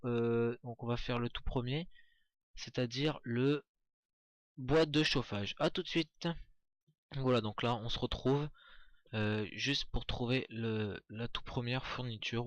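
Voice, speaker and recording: A man's voice: mid-range voice, fairly bright tone, dry recording. A man giving casual, chatty commentary on a game walkthrough, hesitant, with many fillers and restarts. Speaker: gameplay commentator.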